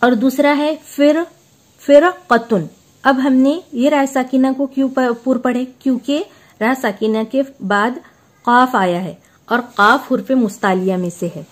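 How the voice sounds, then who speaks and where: A woman teaching Quran reading in a step-by-step lesson, patiently repeating letters slowly so they can be memorized. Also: sits high.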